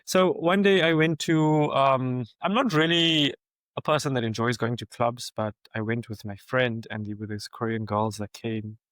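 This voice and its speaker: A South African man speaks as an interview guest, recounting stories with animated energy and frequent laughter. His voice sits at an ordinary middle pitch. The sound is close and dry, with no room around it. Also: normal speed, dry recording. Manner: animated storyteller, laughs often while telling anecdotes. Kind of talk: casual interview storytelling.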